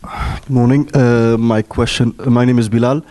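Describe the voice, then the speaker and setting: A man from Morocco poses a question from the floor of a panel, searching for words. He stumbles and repeats himself, and now and then clears his throat. His voice sits in a middle pitch. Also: fairly even intonation, normal speed, dark tone. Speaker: audience member asking a question.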